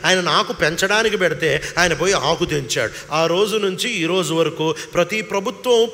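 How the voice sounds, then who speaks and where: A man's voice: high-pitched, fairly bright tone, in a large hall. A man with a Telugu accent preaching a sermon as pastor, dramatically voicing creation's laments in shifting tones. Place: church hall.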